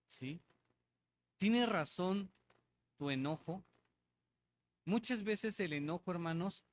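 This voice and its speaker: A man with a fairly high, slightly bright voice delivers a conversational sermon in a church hall. He repeats phrases and keeps checking in with the congregation, asking for their agreement.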